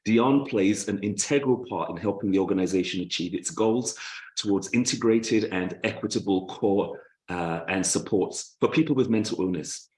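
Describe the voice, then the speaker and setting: A man's voice: on the low side, normal speed, a little mellow, echoey room, low-quality recording. A man, a bit out of breath, introducing a guest speaker in a chatty way over a video call. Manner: chatty, laughs easily, restarts phrases.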